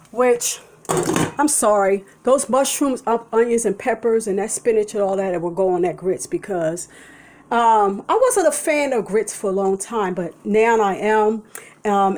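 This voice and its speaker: This is a vlogger making a vegan breakfast at home, her talk loose and chatty as she keeps fixing what she just said. She speaks at a medium pitch with a darkish tone. Kitchen sounds and a sizzling pan fill the low-quality recording.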